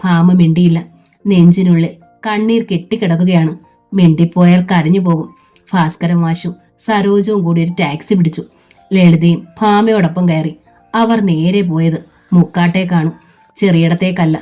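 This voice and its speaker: A woman narrates a serial novel in a steady, measured way. Her voice is low-pitched and mellow, and faint background music sits under the reading.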